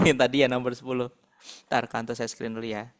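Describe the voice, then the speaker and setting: Man, math tutor, patient, thinks out loud, video call. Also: mid-range voice, little pitch movement, brisk. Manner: patient, talks through problems aloud. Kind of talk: online math lesson.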